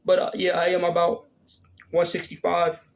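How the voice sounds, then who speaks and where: A man in his thirties talks to his viewers in a halting, earnest way, pausing often on fillers and starting sentences over. His voice sits high for a man and stays strikingly flat, with a gravelly fry running through it. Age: 30s. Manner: hesitant, many fillers and restarts. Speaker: vlogger. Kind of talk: casual Q&A vlog.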